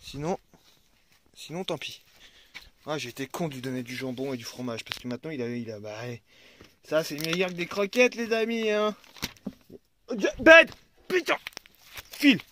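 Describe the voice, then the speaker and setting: A young man speaks a little fast in a fairly high, animated voice, pausing often, over a noisy background. He's vlogging casually to camera by a river, chatting to viewers and his dogs and cursing occasionally when annoyed.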